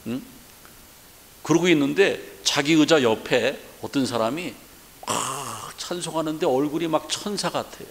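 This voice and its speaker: A man's voice: on the high side, moderate pace, in a large hall. A man preaching a sermon as pastor, in an earnest tone. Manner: earnest preaching, acting out quoted prayers. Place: church sanctuary.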